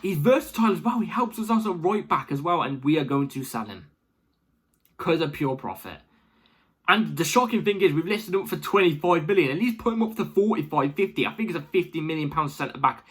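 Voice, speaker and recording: A man giving casual, animated opinion commentary as the host of a football fan channel, rambling and repeating himself for emphasis. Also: sits high, moderate pace, slightly rough.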